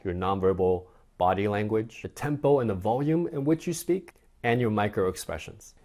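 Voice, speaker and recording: A man's voice: lowish voice, darkish tone. A man teaching a dating course lesson in a conversational way, acting out example dialogues. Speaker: dating coach.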